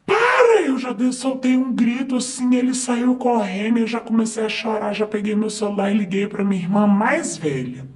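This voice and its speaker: A man's voice: high voice, a little mellow. A man narrating a first-person story in a conversational way, with fillers and asides to the listener.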